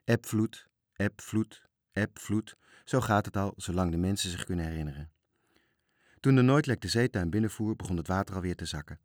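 Male storybook reader, lowish voice, calm, close and dry. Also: moderate pace, no room sound. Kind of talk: reading a children's story aloud.

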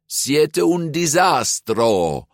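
Guy putting on a bossy girl, snappy and scolding, way higher, swings around a lot. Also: sing-song, measured pace, a bit bright, no room sound, studio quality. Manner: scolding, sprinkles Italian words. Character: bossy impatient young girl, sharp-tongued.

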